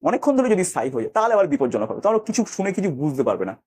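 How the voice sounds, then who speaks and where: A male physics teacher explains at a rapid clip, with a dark, mellow tone. He keeps asking his students whether they follow, and he calls out words twice to act out an echo. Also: fairly high pitch, big pitch swings, slightly rough. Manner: explains with repeated check questions, acts out echoes. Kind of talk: classroom lesson.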